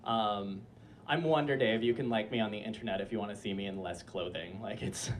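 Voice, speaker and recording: Speaking low and fairly quick, with slight background noise, a young man performs a comic personal story at a small club before a live audience. His delivery is chatty, stuffed with filler "likes" and punctuated by laughter, and a friend apparently compares his voice to a disappointed mom.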